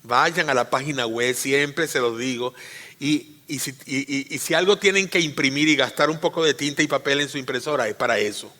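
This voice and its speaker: A male pastor preaching a teaching sermon in church, repeating phrases, asking the congregation questions, and swinging between emphatic loud peaks and quiet asides. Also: mid-range voice, fairly quick. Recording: reverberant hall.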